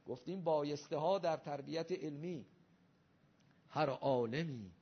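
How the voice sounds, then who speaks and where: A man's voice: a little high, breathy edge. A man giving a religious lecture, arguing with rhetorical questions and emphatic rising delivery. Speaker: Shia cleric lecturer. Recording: dull lo-fi recording.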